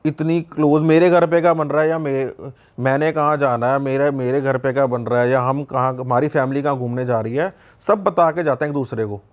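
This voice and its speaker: A man's voice: mid-range voice, fairly even intonation, a little fast, hardly any pauses. A young man with a Punjabi accent, telling a personal story as a podcast guest in a casual, conversational way, acting out his own and others' dialogue with many repeats and fillers.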